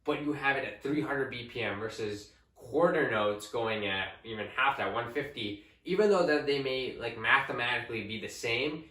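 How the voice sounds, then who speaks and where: Bright young man teaching in a roomy echo. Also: mid-range voice, normal speed, few pauses, recorded from a distance. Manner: relaxed, conversational, with fillers. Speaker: co-host music teacher. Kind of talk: casual explanatory lesson. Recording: roomy echo, away from the mic.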